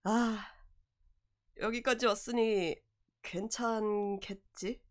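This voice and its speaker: A woman voicing a calm, caring young man, reading horror game dialogue in a gentle, measured way. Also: mid-range voice. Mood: concerned. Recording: music behind the voice.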